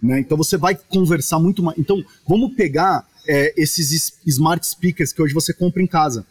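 A man from Brazil, a podcast guest, explaining his topic at length in casual chat with animated asides. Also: a little high, moderate pace, husky.

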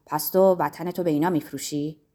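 A man's voice: a little high, fairly even intonation, warm tone, close to an everyday voice. A woman voicing a proud, homesick young man who speaks earnestly and insistently in a story. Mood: earnest, indignant.

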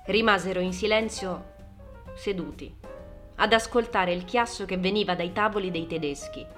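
Una donna che legge un romanzo come narratrice, con un tono calmo e regolare. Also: female voice, medium pitch, normal speed, faint music behind. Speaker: audiobook narrator. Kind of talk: scripted narration.

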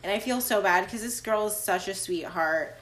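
A woman in her twenties chatting casually as a podcast co-host, rambling in a neurotic, halting way with repeated words. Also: medium pitch, fairly bright tone. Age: 20s. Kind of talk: casual chat. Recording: roomy, echoing sound.

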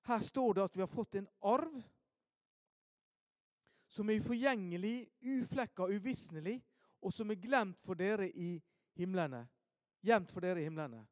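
A preacher from Ålesund, telling stories in a sermon, shifting between loud emphasis and hushed asides. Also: male voice, sits high, no echo, clean studio sound. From Norway, Ålesund. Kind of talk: storytelling sermon.

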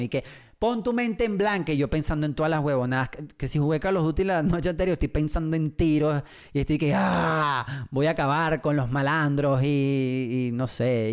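Man with a smooth voice hosting a podcast. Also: on the high side, darkish tone. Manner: rambling and joking, with many restarts. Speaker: podcast host. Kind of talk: casual monologue podcast.

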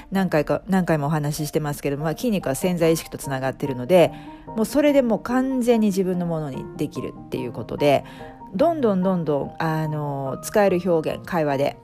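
A woman's voice: fairly low pitch, dark tone. A middle-aged woman, a life coach, talking casually as a podcast guest, with many fillers and restarts. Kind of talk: casual interview talk.

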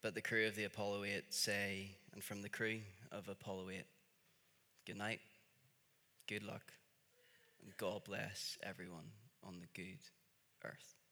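A man preaching in a storytelling style, with dramatic pauses and emphatic repetition. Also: lowish voice, level tone, sharp tone. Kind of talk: storytelling sermon. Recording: reverberant large-room sound.

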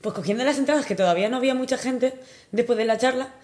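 Young woman, kinda tipsy, telling a story all excited, giggly, casual podcast chat. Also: on the high side, rapid-fire. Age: young adult. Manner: animated, excitable, laughs often. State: a little tipsy.

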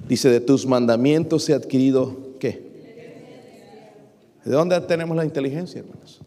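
A middle-aged man gives a sermon in a large church, his mellow voice moving at a moderate pace. Addressing the congregation as brothers, he asks rhetorical questions often and reads verses aloud with rising pitch and force.

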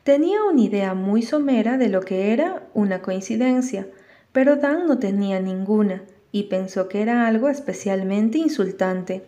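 A woman narrating an audiobook in a steady, expressive storytelling manner. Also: mid-range voice, normal speed.

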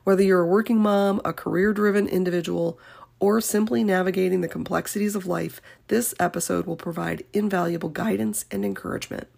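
A woman's voice: mid-range voice, fairly even intonation, brisk, gravelly, darkish tone. A woman hosting a podcast, reading a scripted introduction with a scratchy voice from a cold, upbeat and encouraging. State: getting over a cold, scratchy voice. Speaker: podcast host.

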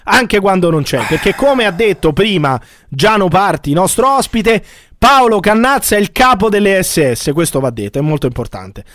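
A man's voice: high-pitched, big pitch swings, moderate pace, fairly bright tone, dry recording, studio quality. A man co-hosting a comedic podcast, protesting and denying in flustered banter. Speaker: podcast co-host.

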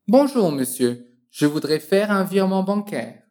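A woman teaching a French lesson, encouraging the listener and drilling phrases slowly and precisely for them to repeat. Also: medium pitch, sing-song, dark tone.

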